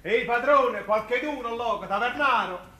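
An actor playing a deferential, nosy town secretary with a Neapolitan accent, agreeable and attentive in a stage comedy. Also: male voice, extremely high pitch, normal speed, crowd noise. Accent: southern Italian, Neapolitan.

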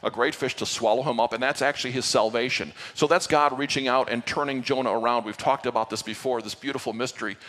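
A man's voice: mid-range voice, steady tone, fast talker, hardly any pauses, fairly bright tone, long reverb tail. A male pastor giving an earnest Sunday sermon to his church, with playful asides. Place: church sanctuary.

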